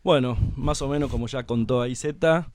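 A middle-aged Argentine man from La Pampa, a company co-founder chatting as a guest in an interview, telling his story in a relaxed way with lots of fillers. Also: medium pitch, brisk, no room sound. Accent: Argentine Spanish. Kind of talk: casual interview conversation.

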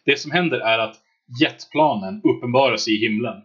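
Bright-voiced male game master, lo-fi mic. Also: mid-range voice, slightly rough. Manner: relaxed, describes scenes with filler words. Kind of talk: narrating a tabletop game. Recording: dull lo-fi mic.

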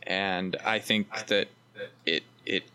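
A man's voice: low-pitched, steady tone, takes it slowly, pushed and bright. A man co-hosting a casual gaming podcast, telling a long story with many restarts. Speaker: podcast co-host. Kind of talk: casual chat.

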